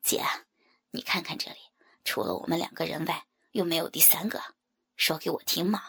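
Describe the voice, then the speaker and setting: Young male role, played by a woman, dropped low, whispery and insistent, for an audio story. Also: fairly even intonation, a little fast, exaggerated voice. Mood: coaxing. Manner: soft, breathy near-whisper. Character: young man, pleading and pushy.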